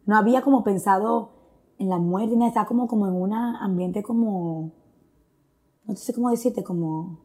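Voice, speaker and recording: In an earnest, reflective testimony, a woman talks about her faith in Spanish laced with English phrases and lots of fillers. She speaks at a moderate pace in a medium-pitched, dark voice.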